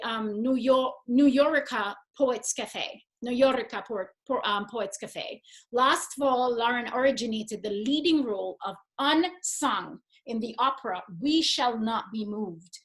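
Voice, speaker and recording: A woman with a slightly raised pitch hosts a campus event. She reflects aloud in a searching, halting way, restarting phrases and filling gaps before moving into a formal introduction. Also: low-quality recording. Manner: thoughtful, searching for words, frequent restarts and fillers. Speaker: event moderator. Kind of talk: discussion remarks and reading a speaker's bio.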